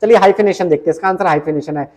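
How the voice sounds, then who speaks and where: A man teaching an exam-prep computer lesson, reading English questions slowly and explaining them in casual Hindi. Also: high voice, a little mellow. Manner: often adds "ठीक है" as a check-in.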